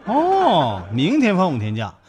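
A man co-hosting a comedy radio talk show with a Northeastern Chinese accent, teasing his partner in quick banter. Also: sits high, huge pitch swings, a little mellow. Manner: teasing, quick-witted, mock-indignant. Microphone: studio microphone.

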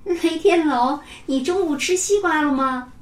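A woman's voice: high voice, a little slow, recorded from a distance, voice pushed up. A woman voicing a cheeky little boy who teases his classmate in a children's story. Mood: teasing. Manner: teasing, giggly. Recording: roomy, from off the mic.

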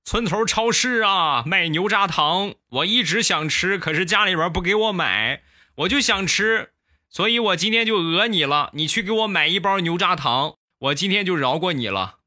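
A man's voice: lively intonation, normal speed, sharp tone, no echo, clean studio sound, exaggerated voice. Man doing a toothless old village codger. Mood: wheedling. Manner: high wheedling childish whine.

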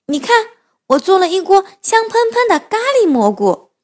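Storybook crow, friendly and smiling, high and lively, played by a woman. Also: moderate pace. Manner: warm, smiling. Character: friendly crow who cooks.

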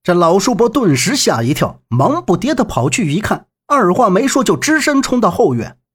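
A man narrating a serialized novel in an expressive, dramatic manner with a husky voice. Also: high-pitched, moderate pace. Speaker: audiobook narrator.

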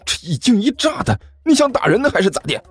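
Brief: a man playing a wheedling landlord, raised lively voice, dry close sound. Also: high-pitched, fast, husky, dry recording, faint music behind, voice pushed up, heavily acted. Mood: wheedling, wary. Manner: chatty, persuasive, nervous stammer. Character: middle-aged male landlord, wheedling and nervous.

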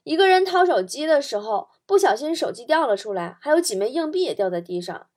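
A woman with a high, bright-toned voice that swoops up and down as she reads funny stories. She plays the host of a comedy talk show and breaks into laughter at her own punchlines. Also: brisk. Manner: lively storytelling, laughs at her own jokes. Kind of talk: reading out funny listener stories.

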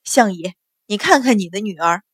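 Woman narrator doing a sharp indignant stepmother, haughty noble lady, dry close sound. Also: mid-range voice, lively intonation, moderate pace, slightly rough, no echo. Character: haughty scheming middle-aged noble stepmother. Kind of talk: audiobook novel reading.

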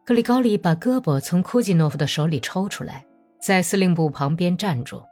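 A woman narrating a novel as an audiobook in an expressive storytelling manner. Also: lowish voice, a little fast, faint music behind.

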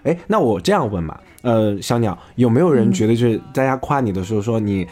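A man's voice: medium pitch, expressive, fast, mellow. A man from Chengdu co-hosting a podcast, chatting playfully and often breaking into laughter. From Chengdu, China. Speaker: podcast co-host. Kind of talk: casual chat.

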